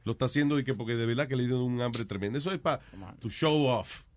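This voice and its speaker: A man's voice: medium pitch, quick pace, darkish tone, no room sound. A man with a Dominican accent in casual, slangy, foul-mouthed banter, switching between Spanish and English. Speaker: talk show host.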